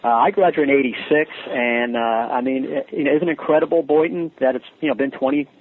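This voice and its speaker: A man's voice: mid-range voice, fast, husky, dry recording. A man in his forties co-hosting a radio show, chatty and teasing, rambling with restarts. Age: 40s. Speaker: radio co-host. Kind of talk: casual chat. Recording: phone-like radio line.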